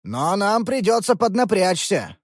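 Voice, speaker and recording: A woman's voice: big pitch swings, measured pace, husky, no echo, studio quality. A woman voicing a weary, regretful father. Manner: lowered, subdued, apologetic tone. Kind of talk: audiobook character voice.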